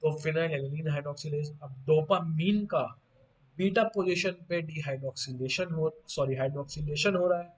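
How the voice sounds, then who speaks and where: A man's voice: a little high, normal speed. A man teaching a pharmacy lecture, asking the class questions and answering them himself, with playful asides. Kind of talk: online lecture. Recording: dull lo-fi audio.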